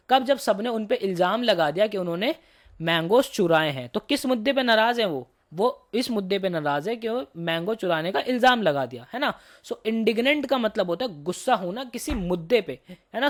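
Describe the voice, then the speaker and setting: A woman teacher with a slightly hoarse throat, giving a vocabulary lesson. She explains words in Hindi mixed with English, checks in with students often, and reads English example sentences slowly. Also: mid-range voice. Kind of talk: vocabulary lesson for entrance exams.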